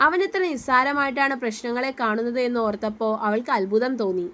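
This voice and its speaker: A woman narrating a romantic story in a gentle, steady reading voice. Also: on the high side, fast, slight background noise.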